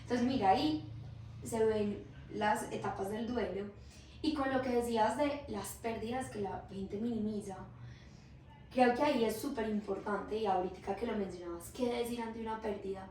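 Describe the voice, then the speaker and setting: A woman's voice: fairly high pitch, normal speed, darkish tone. A woman psychologist, explaining her ideas patiently in a podcast conversation and often checking in with the listener. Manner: explains patiently, acts out quoted reactions, often asks "¿cierto?". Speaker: psychologist guest. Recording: roomy echo, mic at a distance, faint hiss.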